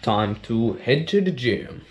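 A young man, a Norwegian native speaker, vlogging casually into a handheld action camera with a relaxed, filler-heavy way of talking. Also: mid-range voice, slightly rough. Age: young adult. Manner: relaxed, slow, many fillers. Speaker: motocross rider vlogger. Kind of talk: casual vlog narration. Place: home, car and gym.

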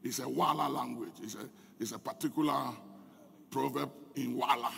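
A Ghanaian man preaching a fervent sermon as pastor, his delivery swelling into shouts, in an echoey church hall. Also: medium pitch, normal speed, creaky, slightly rough.

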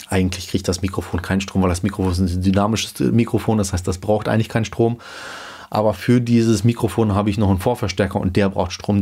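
Relaxed man with a mellow, lowish voice. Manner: relaxed, many fillers, shows gear to camera. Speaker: YouTube host explaining car audio gear. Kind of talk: casual explanatory vlog. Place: small home studio room indoors. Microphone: dynamic studio mic in front of him.

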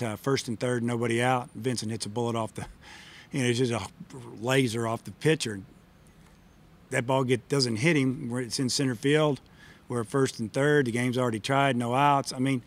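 A middle-aged man, a baseball coach, answering reporters after a game in a plain, matter-of-fact way with many fillers, into a table microphone in a press room. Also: medium pitch. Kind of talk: postgame press conference answers. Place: press room in front of a sponsor backdrop. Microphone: table mic in front of him.

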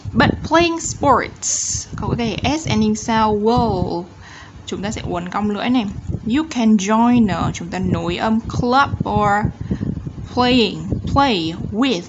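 A woman with a Vietnamese accent teaches English pronunciation, drawing out each English phrase slowly before quickly explaining the sounds. Her voice sits at an ordinary middle pitch. A steady layer of background noise runs under the recording. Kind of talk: pronunciation lesson.

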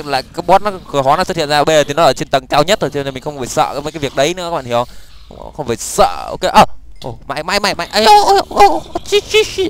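A young man talks through his game at a rapid clip, his speech full of quick repeats and sudden exclamations. His voice sits a little high and comes across smooth and clear. It is casual, animated let's-play commentary. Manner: rapid, excitable, frequent stammered repeats and exclamations. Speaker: gaming YouTuber.

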